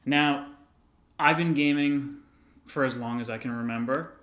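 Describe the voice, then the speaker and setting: A man in his thirties, a vlogger casually telling personal stories to the camera in a relaxed, reminiscing way with light filler words. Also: mid-range voice, a little slow. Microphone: camera held by another person. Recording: roomy echoey room sound.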